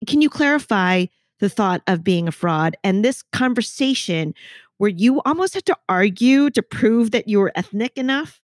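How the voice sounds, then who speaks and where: Casting: woman podcast host, mid-pitched, engaged and probing, dry close mic. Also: lively intonation, normal speed, dry recording. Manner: engaged, probing, conversational with frequent affirmations. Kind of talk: interview conversation.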